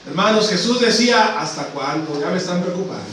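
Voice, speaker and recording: A man preaching a sermon as a missionary. He keeps calling the congregation brothers and swings between loud emphatic peaks and low, hushed lines. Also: expressive, a little fast. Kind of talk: Spanish-language church sermon. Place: church sanctuary. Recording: echoey church recording from far off, faint hiss.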